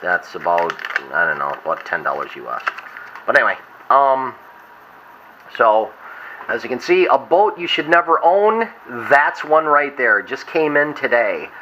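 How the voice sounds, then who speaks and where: A hungover man talks off the cuff like a hobbyist showing his gear, drifting and leaving thoughts unfinished. His medium-pitched voice has a bright, forceful edge. The sound is somewhat dull and lo-fi, with faint noise behind him. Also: lively intonation, moderate pace. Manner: rambling, trails off mid-thought. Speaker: hobbyist vlogger. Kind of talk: casual unscripted show-and-tell. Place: inside a wooden boat. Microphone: camera glasses worn on the head.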